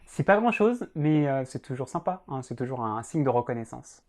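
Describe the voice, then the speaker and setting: A man's voice: medium pitch, sing-song, normal speed, darkish tone. Young male law teacher, casual reaction commentary, chatty, joking at his own expense. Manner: chatty, self-mocking, frequent "euh" and "hein".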